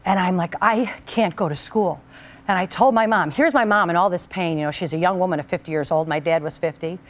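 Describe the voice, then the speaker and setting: Lower-voiced woman telling a heartfelt story. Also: fast. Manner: animated storyteller, acts out quoted voices. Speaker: talk show host. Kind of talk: personal storytelling on a talk show.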